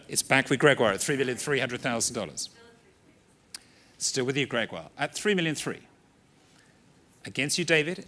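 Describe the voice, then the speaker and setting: Male auctioneer, brisk rhythmic bid-calling, bright forceful tone, live hotel sale room. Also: mid-range voice.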